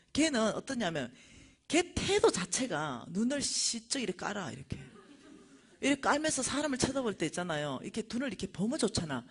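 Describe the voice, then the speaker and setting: A middle-aged woman, lecturing at a church and telling a personal testimony with animated storytelling. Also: on the high side, breathy edge. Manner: animated storytelling, acting out dialogue.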